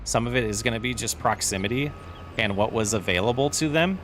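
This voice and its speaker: A man's voice: medium pitch, a little fast, fairly bright tone. A man streaming a farming game, chatting casually with his audience and rambling through answers to chat questions. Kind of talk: casual live-stream chat while gaming. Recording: faint game vehicle noise behind.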